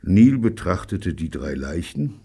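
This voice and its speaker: Gravelly deep-voiced male narrator. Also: big pitch swings, measured pace, dark tone. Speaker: audiobook narrator. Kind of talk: audiobook narration.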